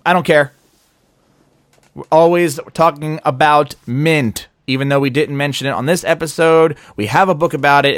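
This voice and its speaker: A man's voice: mid-range voice, no echo. Man, podcast co-host, casual joking chat, rambling restarts, dry close sound.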